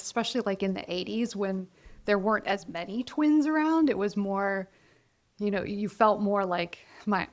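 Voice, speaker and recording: A woman in her forties from Ohio, chatting as an interview guest with a gravelly, fry-tinged voice. She speaks candidly and pokes fun at herself. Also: medium pitch. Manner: candid, self-deprecating, quotes others in lively voices. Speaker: guest, college counselor. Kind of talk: casual interview conversation.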